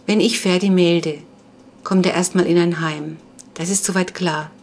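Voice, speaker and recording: A woman reading the part of a caring, persuasive middle-aged mother in an audiobook, calm and reasoning. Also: lowish voice, moderate pace, slight background noise, close to an everyday voice. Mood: earnest.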